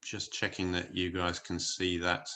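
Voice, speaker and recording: Speaking in a low monotone at a measured pace, this UK-born wellness presenter has an English accent lightly tinged by New Zealand. His corporate video-call talk is chatty but halting, with many fillers and restarts. A little hiss or hum sits under the audio.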